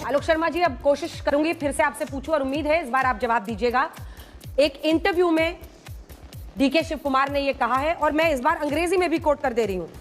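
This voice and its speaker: A woman news anchor putting a question calmly in a television debate. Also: high voice, brisk, music in the background.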